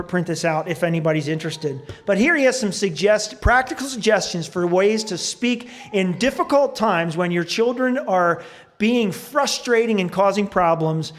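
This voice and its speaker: A man preaches in a church, his voice sitting noticeably high for a man. He talks earnestly and reads quoted advice aloud, pausing now and then with fillers as he gathers his thoughts. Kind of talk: sermon. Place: church sanctuary.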